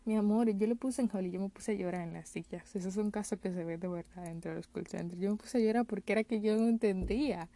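Woman vlogging, casual storytime, warm mellow voice, throws in english words. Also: mid-range voice, fast, few pauses, dry recording. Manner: chatty, mixes in English call-center words.

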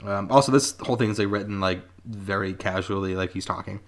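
A man in his twenties reading a story aloud on a casual podcast, laid-back and quick to laugh, swearing freely. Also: on the low side, fairly even intonation.

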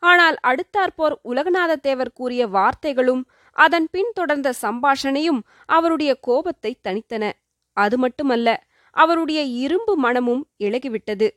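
A woman narrating a historical story in a steady, expressive reading. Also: sits high, unhurried, dry recording, clean studio sound.

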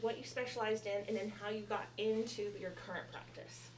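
A woman's voice: medium pitch, steady tone, brisk. Female live-stream host, casual, speaking through a face mask, roomy echo and some noise. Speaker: host, orthodontist. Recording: echoey room with background noise.

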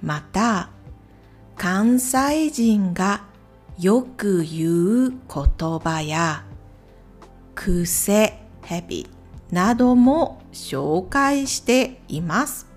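Slow, lively-pitched woman recommending channels. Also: faint music behind. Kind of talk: slow, clear talk for Japanese learners.

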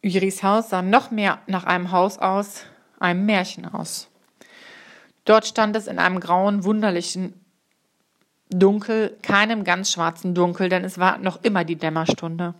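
A woman reading a children's book aloud in a calm, measured way, now and then correcting small slips. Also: medium pitch. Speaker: audiobook reader.

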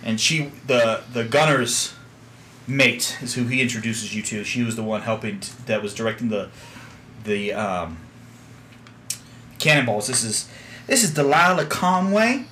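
A man's voice: on the low side, steady tone, a little slow, long pauses, pushed and bright, slight background noise. A man narrating a tabletop game as game master, casual and rambling.

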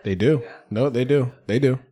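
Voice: mid-range voice, moderate pace, dark tone, breathy edge. A host asking guests teasing questions in casual chat.

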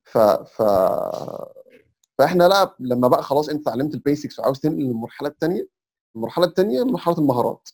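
A man's voice: on the high side, big pitch swings, rapid-fire, darkish tone. A young Egyptian man with an Egyptian Arabic accent, a podcast guest explaining advice step by step in a casual chat. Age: young adult. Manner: explains step by step, sprinkles English terms.

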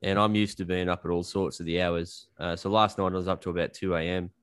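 An Australian coal miner, appearing as a podcast guest, chats casually and explains his work in a blunt, jokey, colloquial way. His deep voice is flat in delivery, quick-paced, a bit bright and smooth, with no echo.

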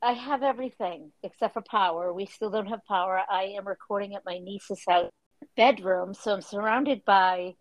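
A woman's voice: mid-range voice, moderate pace, no echo, low-quality recording. A woman from Florida hosting a casual podcast chat from a bedroom, talking in a chatty, emphatic way. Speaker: podcast host. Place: niece's bedroom.

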